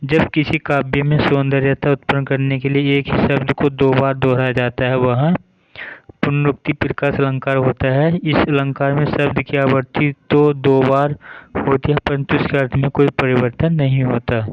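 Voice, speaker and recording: A man's voice: mid-range voice, little pitch movement, normal speed, dry recording, highs cut off. A man teaching a Hindi grammar lesson, explaining each term step by step and reading verse examples.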